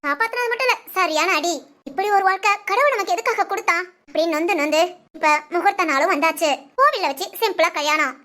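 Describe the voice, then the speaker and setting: High-voiced lady telling a dramatic story, lots of what-happens-next questions. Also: fast, sharp tone. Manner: emotive, questioning, rhetorical.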